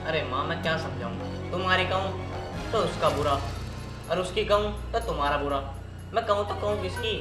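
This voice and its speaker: A man's voice: on the high side, moderate pace, music in the background, lightly acted. A man playing a tired young husband caught between his mother and wife, placating her. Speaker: son. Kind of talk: rural film drama acting. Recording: roomy echo.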